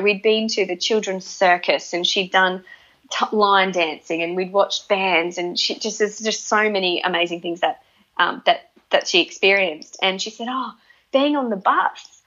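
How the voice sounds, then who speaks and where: An Australian woman in her thirties speaks conversationally in an interview. Her voice sits at a middle pitch, and she often doubles back, repeating words as she finds her phrasing. The recording is a little dull and lo-fi. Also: fairly even intonation, normal speed, a bit bright. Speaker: interview guest, parent. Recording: slightly dull, lo-fi audio.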